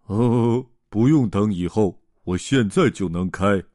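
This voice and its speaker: Man doing a slow, bumbling old doctor. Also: on the low side, mellow, dry recording, clean studio sound, lightly acted. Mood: bluff. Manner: slow and hesitant, full of ers. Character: scatterbrained cheerful old male doctor.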